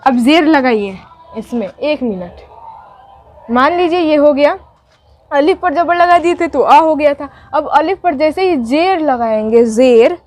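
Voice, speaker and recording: A woman's voice: sits high, a little slow, a little mellow. A woman teaching the Urdu alphabet, drilling each sound, mixing English words into her Hindi and asking questions she answers herself. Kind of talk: letter-by-letter lesson with call-and-response.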